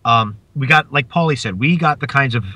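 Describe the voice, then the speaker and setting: A young adult man, a podcast guest, chatting playfully and quick with jokes. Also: mid-range voice, bright, forceful tone, no echo. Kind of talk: joking podcast chat.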